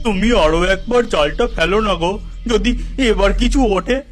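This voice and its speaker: A man plays an excitable cartoon village boy with an extremely high voice. He is boastful and insistent, speaking over loud music. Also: moderate pace, close to an everyday voice. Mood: earnest, insistent. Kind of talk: animated story dialogue.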